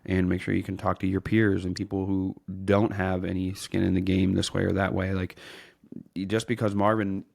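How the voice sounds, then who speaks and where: Deep, gravelly, flat-voiced male host. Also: moderate pace, no echo, studio quality. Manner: blunt and frank, swears casually. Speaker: podcast host. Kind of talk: casual podcast conversation.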